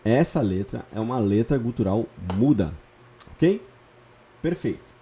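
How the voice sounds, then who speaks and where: A man teaches a lesson one small step at a time, repeating each point and checking that the listener follows. His voice is very dark and mellow, sitting at a middle pitch. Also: expressive, unhurried, a little hiss or hum. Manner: patient, repeats key points with frequent check-ins. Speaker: Hebrew teacher. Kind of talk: online lesson, explaining step by step.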